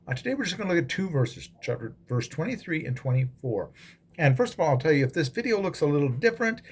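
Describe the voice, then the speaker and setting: A man's voice: a little high, very animated, quick pace, a little hiss or hum. A man, a pastor, giving a casual devotional talk with frequent ums and restarts, recorded as a phone video.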